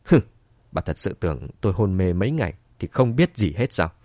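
A man voicing an angry older father who sneers in a low voice. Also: big pitch swings, a little fast, darkish tone, no echo. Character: furious older father, bitter and cold.

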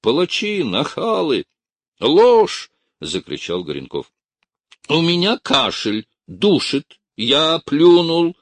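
A man's voice: fairly high pitch, very animated, slow, a bit bright, dry recording, pitched above the performer's own voice, exaggerated voice. A man voicing a sickly, hysterical political prisoner who protests shrilly.

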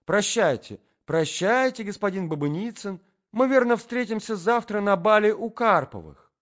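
A man's voice: big pitch swings, normal speed. A man voicing a gushing, flighty society lady. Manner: breathless, gushing, high and flighty. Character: flustered, chattering society lady, young wife. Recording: dull lo-fi audiobook recording.

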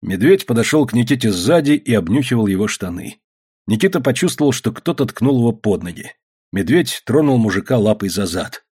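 A man narrating a novel aloud in an expressive storytelling manner. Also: medium pitch, fairly quick, slightly rough. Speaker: audiobook narrator. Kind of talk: scripted narration.

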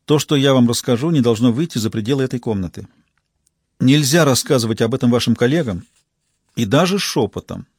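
A man voicing a weary, secretive middle-aged woman in an audiobook, speaking in a low, measured, guarded way with a husky voice. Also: lively intonation, darkish tone, dry recording, clean studio sound. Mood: grave.

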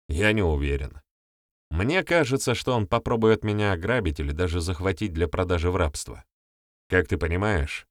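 A man's voice: lowish voice, no echo, clean studio sound. A man reading the part of a serious young man who talks in a grave, earnest way.

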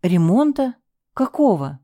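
Brief: hysterical young wife, shrill pleading, put on by a woman narrator, dark tone. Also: very animated, slow pace, dry recording, studio quality, heavily acted. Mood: frantic.

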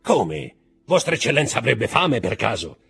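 Man putting on a sly brigand, husky, fake polite, voice swings up and down. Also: medium pitch, normal speed, faint music behind, pitched above the performer's own voice, exaggerated voice. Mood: mock-polite. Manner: mock-deferential, calmly serious. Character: sly mock-polite male brigand jailer.

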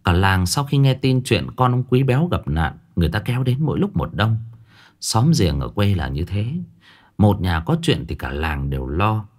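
A man narrating a ghost story in an expressive storytelling manner. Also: fairly low pitch.

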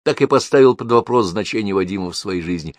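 A man narrating a first-person story as an audiobook reader, in a lively, expressive reading. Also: quick pace, no echo, studio quality. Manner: lively, expressive reading with wide pitch swings.

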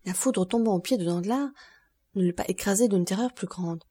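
A woman reading a classic novel aloud as audiobook narration, in an even, clearly articulated delivery. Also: medium pitch, moderate pace. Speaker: audiobook reader.

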